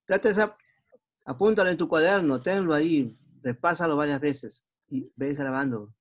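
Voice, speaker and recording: A man's voice: on the high side, normal speed. A man, teaching an English lesson with patient repetition and translation. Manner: patient, repeats phrases and translates into Spanish.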